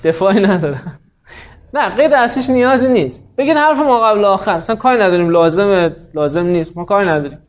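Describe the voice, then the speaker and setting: A man's voice: high voice, expressive, muffled recording. A male teacher giving a classroom grammar lecture, explaining step by step and quizzing his students by name.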